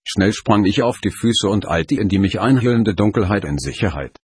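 A man narrating an audiobook in a steady, even manner. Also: fairly low pitch, normal speed, slightly rough, no room sound, clean studio sound. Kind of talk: audiobook reading.

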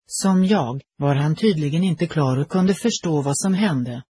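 A man narrating a first-person story in an even, steady storytelling manner. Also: fairly high pitch, breathy edge, dry recording.

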